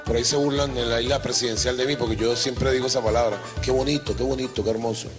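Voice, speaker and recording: A man's voice: medium pitch, steady tone, over music, natural voice. A man doing a sulky heavyset president caricature. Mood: aggrieved. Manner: quick aggrieved complaining.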